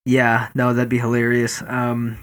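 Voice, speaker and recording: A man's voice: medium pitch, monotone, a little slow, a bit bright. A man co-hosting a podcast, talking in casual, profane, joking banter. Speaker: podcast co-host.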